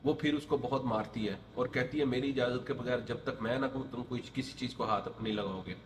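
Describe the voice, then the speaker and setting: A man recounts a tragic domestic tale in a relaxed, meandering way, stumbling over words and circling back with filler phrases. His voice sits in a middling register and sounds roomy, as if captured in a bare, echoing space. A faint hum of ambient noise lingers underneath. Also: medium pitch. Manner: loose and rambling, many fillers and restarts. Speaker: storyteller. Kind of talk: casual spoken storytelling.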